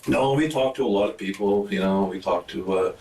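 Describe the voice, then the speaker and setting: A police detective questioning casually in an interrogation interview, played from an old interrogation tape. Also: male voice, fairly low pitch, fairly quick, a little mellow, reverberant, a little hiss or hum.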